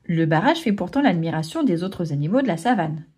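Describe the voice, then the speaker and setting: A woman narrating a children's storybook aloud in an expressive way. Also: on the low side, fairly quick, husky. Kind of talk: storybook reading.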